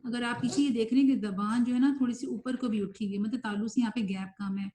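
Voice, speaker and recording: A woman with a Pakistani Urdu accent teaching Quran pronunciation, explaining patiently and modelling slow drawn-out examples. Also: a little high, steady tone, mellow, a little hiss or hum. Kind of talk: recorded online tajweed lesson.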